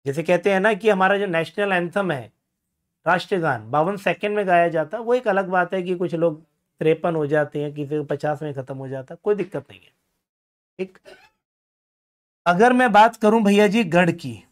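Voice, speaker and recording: A man's voice: sits high, normal speed. A man teaching grammar for an exam, calling his students friends and asking questions he then answers himself, with self-mocking asides. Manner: self-deprecating joking asides. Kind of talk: exam-prep lesson.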